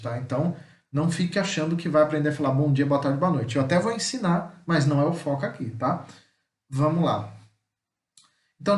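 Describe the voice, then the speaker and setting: A man's voice: on the high side, distant mic. A man with a Brazilian Portuguese accent teaching an online language lesson. He explains in a chatty, corrective way and ends nearly every phrase with a checking "tá?". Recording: roomy echo.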